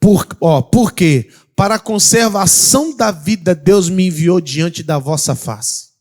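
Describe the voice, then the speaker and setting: Unhurried and high-pitched, a Brazilian Portuguese-accented man preaches as a pastor. His sermon asks the congregation questions and veers between loud calls and quiet passages.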